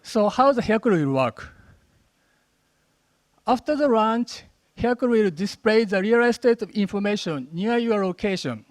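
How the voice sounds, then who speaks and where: A man with a Japanese accent giving a rushed, animated lightning talk with a live demo at a conference. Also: high-pitched, no room sound. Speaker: conference speaker. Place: conference stage.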